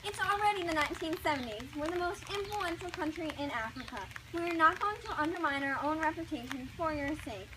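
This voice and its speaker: A woman's voice: extremely high pitch, animated, brisk, hardly any pauses, background noise. A young woman playing a cold, dismissive government official in a school skit. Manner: curt, dismissive.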